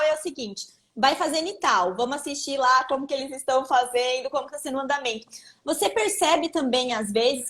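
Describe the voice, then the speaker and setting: A woman's voice: high-pitched, bright, forceful tone. A woman, a lawyer hosting a live video chat, talking in a conversational, reflective way. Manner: conversational, reflective, frequent restarts. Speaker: host lawyer.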